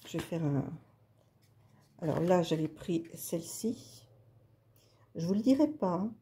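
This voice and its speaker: A woman's voice: lowish voice, lively intonation, unhurried, mellow, a little hiss or hum. A woman hosting a casual craft video, talking through her work in a chatty, hesitant way with many fillers. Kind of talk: casual craft tutorial talk.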